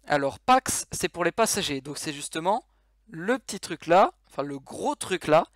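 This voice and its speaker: A man's voice: fairly high pitch, expressive, normal speed, fairly bright tone, no room sound, clean studio sound. A man giving a casual game tutorial over his screen, explaining controls with many fillers and restarts.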